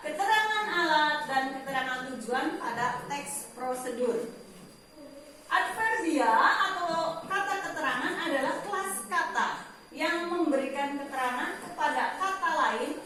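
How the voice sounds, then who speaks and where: Woman teacher, high voice, lively lesson delivery, drawn-out stressed words, very echoey room, mic held back from her. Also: distant mic, slight background noise. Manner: animated, stresses key words slowly. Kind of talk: online class lesson.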